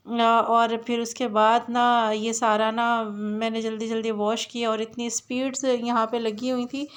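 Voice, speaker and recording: A young adult woman chatting in a rambling way as she narrates her daily home vlog, with many fillers and restarts. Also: a little high. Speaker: vlogger.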